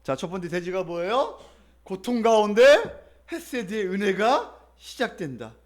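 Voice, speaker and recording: A man's voice: sits high, sing-song, normal speed. A male pastor preaching a sermon in a conversational, storytelling way, asking the congregation questions and leading them in call-and-response readings.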